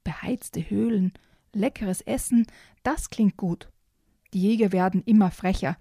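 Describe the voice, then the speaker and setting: A woman's voice: mid-range voice, a little slow, dark tone, dry recording, clean studio sound. A woman reading as a grumbling storybook bear. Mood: doubtful. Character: big grumbling bear, easily offended.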